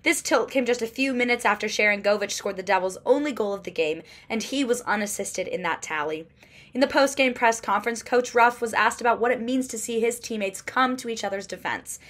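A young woman in her twenties reading a scripted postgame sports report, steady and clearly paced, recorded in a small room at home. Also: fairly high pitch, fairly quick.

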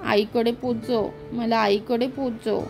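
A woman's voice: high-pitched, expressive, measured pace, dark tone, faint music behind. A woman voicing a tiny, shy little girl who talks in babyish, lisping words in a storybook reading. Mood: tearful pleading.

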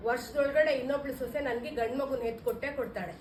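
A woman's voice: fast, echoey room, recorded from a distance, a little hiss or hum, natural voice, poor audio. A woman playing a bitter middle-aged mother-in-law who scolds and pities herself, in a family skit. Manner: shrill, scolding, self-pitying.

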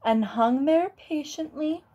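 With a high-pitched, warm voice and a slow pace, a young woman reads a picture book to children. Like a teacher, she adds exclaiming, casual comments aimed at the kids. The recording sounds muffled.

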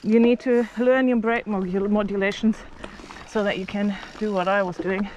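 Excitable woman on a trail. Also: mid-range voice, normal speed, dull audio. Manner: excitable and nervous, frequent exclamations. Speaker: mountain biker filming her ride. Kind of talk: running commentary while riding. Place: outdoors on a forest bike trail. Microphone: helmet action camera. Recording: noisy outdoor action-camera audio.

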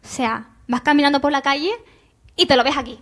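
Young woman radio host, high voice, teasing and playful, small studio desk mic. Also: fairly even intonation, fairly quick. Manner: playful, teasing, asks leading questions. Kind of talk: comedic radio chat. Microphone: desk mic on stand.

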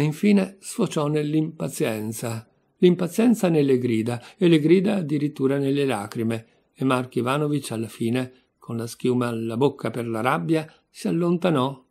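A man reading a classic story aloud in a measured, expressive narration. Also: medium pitch, creaky. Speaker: audiobook reader.

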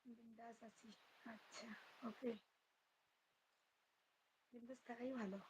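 A woman chatting casually with viewers on a late-night live stream from her home, talking softly so her sleeping daughter stays asleep. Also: fairly high pitch, level tone, slow pace, background noise. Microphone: phone. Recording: dull lo-fi phone audio.

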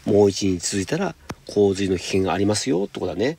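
A man teaching high school English, patiently explaining homework step by step and reading example sentences slowly. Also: sing-song, vocal fry, mellow, slight background noise. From Japan.

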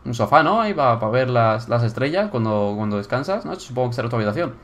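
Excitable young man with a Spain Spanish accent. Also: medium pitch, quick pace. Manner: excitable, bursts into loud exclamations. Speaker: YouTuber touring viewer builds. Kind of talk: casual gameplay commentary.

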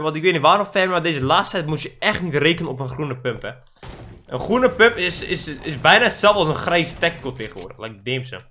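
Excitable young man with lively, bright voice. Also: fairly high pitch. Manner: excitable, swears, mixes in English slang. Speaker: gaming YouTuber. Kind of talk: live Fortnite commentary.

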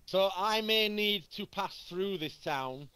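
A man's voice: high voice, animated, takes it slowly, pushed and bright, clean tone, no echo. A man playing a civilian in game role-play, talking in an amused, hesitant way over voice chat. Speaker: civilian player.

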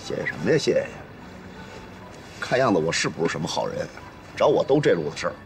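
An actor playing a brash, teasing street hustler who talks in a breezy, lively way. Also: male voice, deep voice, quick pace, creaky, full character voice. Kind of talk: TV drama acting. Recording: distant mic with loud music score.

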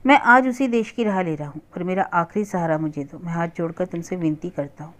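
A woman's voice: fairly low pitch, lightly acted. Woman reading as a remorseful pleading young man. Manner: earnest, pleading, measured.

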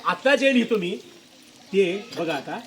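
A man's voice: sits high, expressive, unhurried, background noise. A male school teacher giving a classroom lesson to children, repeating questions and coaxing pupils to answer. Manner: repetitive questioning, coaxing pupils with filler prompts.

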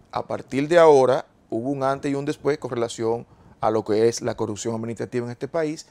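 A man speaks as a guest lawyer in a TV interview. His voice has a gravelly, creaky edge, and he sits at an ordinary middle pitch. He phrases things carefully and formally, like a legal explanation. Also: warm tone.

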